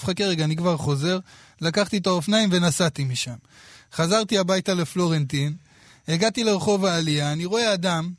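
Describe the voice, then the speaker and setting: A man in his thirties from Israel, telling a personal story in a casual, lively way with quoted dialogue. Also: high-pitched, no echo, clean studio sound. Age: 30s.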